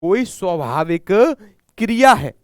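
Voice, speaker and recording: With big pitch swings and a measured pace, a Haryanvi-accented Hindi exam teacher leads a live prep class, his fairly high voice clean despite a slightly sore throat. He asks students questions, answers them himself, repeats key words, and refers to himself as guruji, all in a dry, close recording.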